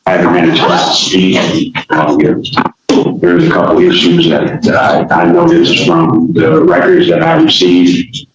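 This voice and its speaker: A man speaking as a defendant in court, in a halting, pleading way that often restarts, heard in a courtroom recording. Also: low-pitched, animated, vocal fry, crowd noise. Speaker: self-represented defendant. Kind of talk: courtroom speech. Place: large courtroom. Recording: echoey courtroom, distant muffled mic.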